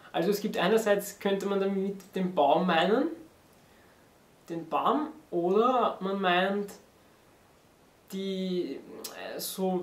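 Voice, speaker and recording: Young male explainer, unhurried and halting, recorded at a distance in an echoey room. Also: sits high. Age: teenager to young adult. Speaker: presenter explaining dialect words. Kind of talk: informal explainer to camera. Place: small home room indoors, on a sofa. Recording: roomy, distant from the microphone.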